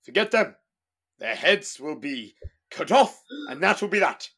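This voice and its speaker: A stubborn, haughty medieval tsar, acted by a man in a radio play, his gravelly voice pitched high and swinging widely as he laments and commands. He drags out his old-fashioned phrases slowly. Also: very animated, fairly bright tone, heavily acted. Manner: archaic formal speech, wailing laments.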